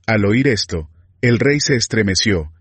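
A man narrates a scripture story with a husky, low voice. His reading is measured and even. The sound is dry and close, with no room echo.

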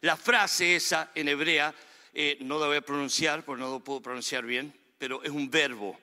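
A man preaching in earnest, his fairly high, bright and forceful voice pressing each point home. His sermon rings through a large church hall with a long, lingering reverb. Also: steady tone, normal speed. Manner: earnest, emphatic preaching with rising and falling delivery. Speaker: pastor.

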